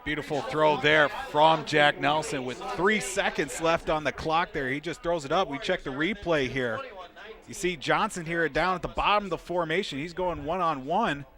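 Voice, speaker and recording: A man's voice: fairly high pitch, normal speed. A man working as a color commentator, analyzing football plays and replays. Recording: crowd noise at outdoor stadium.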